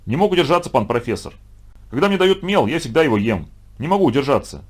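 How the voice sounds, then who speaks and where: A man's voice: medium pitch, very animated, fast talker. A man voicing a meek, odd schoolboy with a whiny, apologetic way of talking, in a storybook reading. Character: meek, odd schoolboy who eats chalk.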